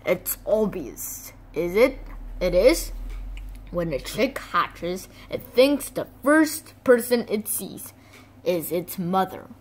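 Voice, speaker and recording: A smug, dry cartoon rabbit. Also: female voice, fairly low pitch, sing-song, takes it slowly, slightly rough, full character voice. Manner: dry and matter-of-fact.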